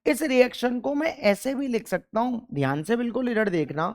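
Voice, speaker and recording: A man's voice: very high voice, sing-song, moderate pace. A young man teaching chemistry in an exam-focused lecture, emphatic, repeating key points and firing questions at the class.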